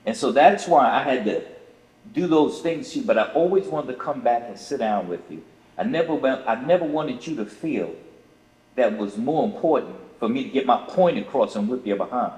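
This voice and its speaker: A man's voice: medium pitch, animated, moderate pace, a little mellow. Earnest fatherly man in an echoey room. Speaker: father of the co-host. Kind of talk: casual podcast conversation. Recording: echoey room with long reverb.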